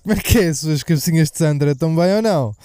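Young man, European Portuguese accent, podcast host: loose, foul-mouthed, jokey monologue, fairly high and smooth voice. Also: expressive, quick pace, mellow, no room sound, studio quality. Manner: profane, jokey, digressive. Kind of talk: casual rambling monologue. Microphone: mic slipping away from the mouth at times.

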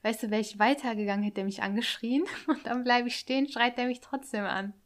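A woman's voice: fairly high pitch, steady tone, fairly quick. A young woman chatting casually and retelling a story with lots of tag questions and acted-out quotes. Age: young adult.

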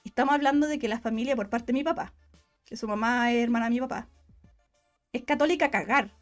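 A woman's voice: a little high, faint music behind. A young woman with a Chilean accent, telling a personal story in casual, slangy chat and voicing the people in it. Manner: fast, slangy, animated storytelling with voiced quotes.

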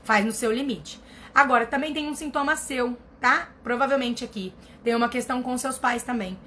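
Blunt woman, bright sharp voice. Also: a little high, normal speed, slight background noise. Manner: blunt, emphatic, repeats herself for stress. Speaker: family constellation therapist answering viewer questions. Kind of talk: casual live advice reading comments.

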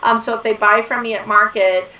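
A woman in her forties, a guest entrepreneur chatting in an interview, her voice hoarse from overuse. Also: medium pitch, steady tone, a little fast, bright, forceful tone. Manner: chatty and enthusiastic. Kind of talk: casual interview chat. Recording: distant roomy lo-fi mic.

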